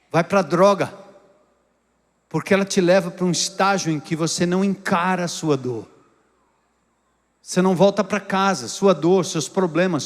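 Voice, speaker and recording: High-voiced Brazilian pastor preaching in a reverberant hall. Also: male voice. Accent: Brazilian Portuguese. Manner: expressive preaching with sharp pitch swings, rhetorical questions. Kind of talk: sermon. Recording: long reverb of a church hall.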